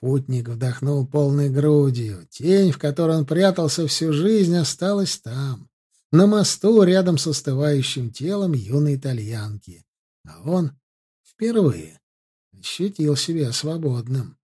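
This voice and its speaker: Husky-voiced male audiobook narrator. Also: on the high side, expressive. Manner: measured, dark storytelling. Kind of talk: scripted narration.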